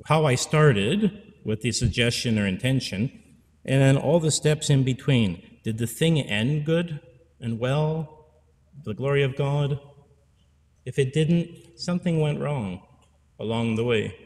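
This man in his forties is a priest giving an earnest pastoral sermon from the pulpit, picked up by a stand mic, and he repeats phrases for emphasis. His mid-range voice is unhurried and a little mellow, with big-room sound from the church sanctuary.

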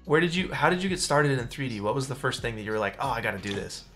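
A young man hosts a livestream interview over a headset on a video call, chatting casually and enthusiastically with effusive praise and casual slang. His medium-pitched voice is energetic and fast, with faint music in the background.

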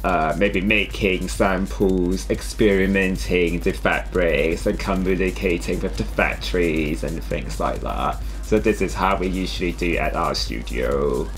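In a small indoor studio lined with clothing rails, a young Hong Kong designer speaks in a relaxed interview, his Hong Kong accent clear. He's low-voiced and a little slow, barely pausing, over soft background music.

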